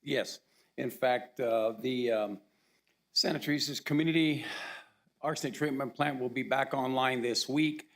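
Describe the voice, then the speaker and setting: A man with a hoarse, gravelly voice gives a formal report at a county commission meeting. He pauses often and fills the gaps with uh and um, and his voice catches in a rough fry. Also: mid-range voice, a bit bright. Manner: halting, with frequent uh and um.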